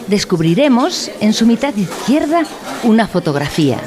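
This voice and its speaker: A woman narrates an audio drama as a pedantic instructor in a mock-educational radio play, using formal, pompous, didactic wording in a solemn mood. Her natural, mid-range voice has a sing-song quality at a moderate pace, with crowd noise behind her.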